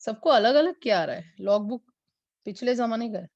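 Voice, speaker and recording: A woman physics teacher, mixing Hindi and as she teaches an online class and slowly repeats numbers for her students. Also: fairly high pitch, animated, darkish tone, dry recording, highs cut off. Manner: mixes Hindi and English.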